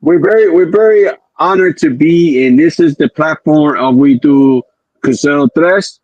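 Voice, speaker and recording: Brief: male podcast co-host, supportive interjector, slightly high voice, dull dry recording. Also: measured pace, darkish tone, no echo. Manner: agreeable, chiming in with short affirmations.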